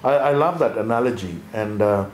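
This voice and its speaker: A Sri Lankan former accountant talks through business ideas in a conversational leadership discussion, thoughtful and often restarting his sentences. His voice sits on the low side at a moderate pace, and the recording sounds roomy with slight background noise.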